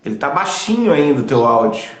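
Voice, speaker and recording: A Brazilian therapist joining a live stream by video call, giving short friendly replies. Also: male voice, a little high, big pitch swings, fast, roomy sound. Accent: Brazilian Portuguese. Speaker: therapist guest. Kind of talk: casual video call chat.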